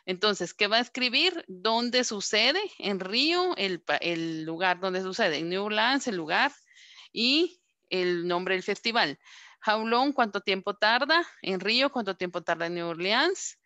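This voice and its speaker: Bright-voiced Guatemalan teacher, woman. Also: mid-range voice, animated, dry recording, muffled recording. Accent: Guatemalan Spanish. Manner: slow, drawn-out modeling of English words; asks and answers her own questions. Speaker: English teacher. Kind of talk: recorded online class lesson.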